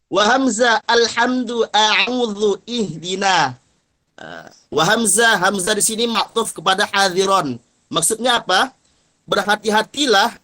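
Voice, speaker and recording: A man with an Indonesian accent teaching tajwid, slowly chanting example words and contrasting right and wrong readings. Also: high voice, sharp tone. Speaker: Quran recitation teacher. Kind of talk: tajwid lesson with recited examples.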